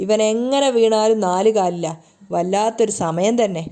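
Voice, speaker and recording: A woman's voice: mid-range voice, normal speed, mellow, close to an everyday voice. A woman reading the lines of a wry, exasperated middle-aged man in a TV serial recap. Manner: grumbling, wry.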